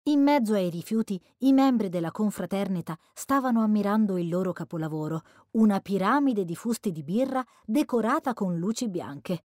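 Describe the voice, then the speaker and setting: A woman reading a first-person novel aloud as an audiobook narrator, in a measured storytelling manner. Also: medium pitch, expressive, darkish tone, no room sound, studio quality. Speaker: audiobook reader.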